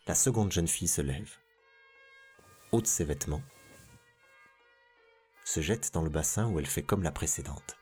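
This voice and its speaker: A man narrating a tale in a measured, expressive reading. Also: a bass voice, music in the background. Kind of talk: storybook reading.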